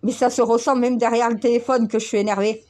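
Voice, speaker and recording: High-voiced female vlogger, heated and blunt, freely profane monologue. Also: fairly even intonation, fast talker, a little mellow. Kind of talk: casual ranting monologue.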